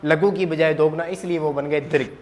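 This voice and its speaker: A man's voice: a little high, steady tone, brisk, darkish tone. A man teaching a grammar lesson at a whiteboard, asking questions and answering them himself, repeating the key terms.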